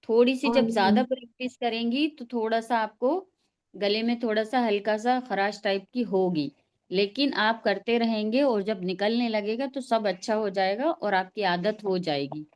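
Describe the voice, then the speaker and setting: A woman's voice: mid-range voice, darkish tone. A woman teaching pronunciation in an online class over a video call, patiently modelling each sound for her students to repeat. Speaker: tajweed teacher.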